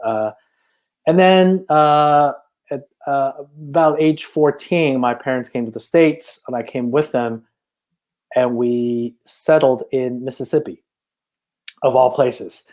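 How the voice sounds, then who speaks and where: A man from China, a native Chinese speaker and filmmaker, looks back on his life as a podcast guest in a casual interview. He talks slowly at a medium pitch with a slightly mellow tone, thoughtful yet hesitant, with frequent restarts.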